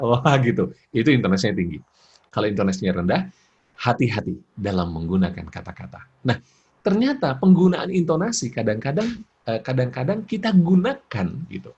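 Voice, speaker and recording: A man giving an expressive parenting lecture, laughing often and acting out examples. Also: fairly low pitch, slightly rough, dull audio. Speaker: parenting speaker.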